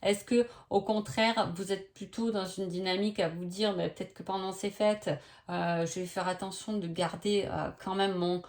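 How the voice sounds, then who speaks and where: A woman's voice: mid-range voice, steady tone, moderate pace, darkish tone. A woman giving a casual oracle card reading sign by sign, chatty, with many hesitations and tag questions.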